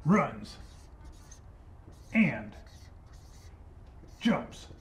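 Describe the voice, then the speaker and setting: A man's voice: fairly high pitch, big pitch swings, very slow, a little hiss or hum. A man teaching kids grammar in a playful, upbeat superhero persona. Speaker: teacher playing a comma superhero. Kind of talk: educational video for kids.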